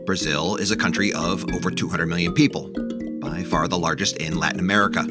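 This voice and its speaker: A man hosting an economics podcast, introducing the topic and his guest in a clear, measured, emphatic way. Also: low voice, fairly even intonation, over loud music. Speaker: podcast host. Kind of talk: scripted podcast narration and interviewing.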